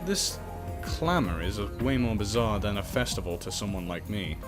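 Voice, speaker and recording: With music playing in the background, a male host of a game playthrough series reads out game text at normal speed, then breaks into joking, exclamatory asides. His voice is on the low side and swings widely in pitch.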